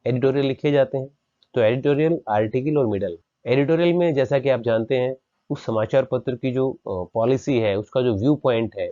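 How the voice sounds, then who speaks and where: A man's voice: medium pitch, mellow. Man explaining a lesson, dull recording. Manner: explanatory, measured. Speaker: teacher. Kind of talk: online lecture.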